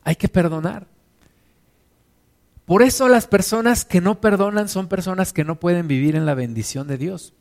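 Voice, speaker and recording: A man's voice: sits high, normal speed, darkish tone. A man preaching a sermon with an emphatic, repetitive cadence.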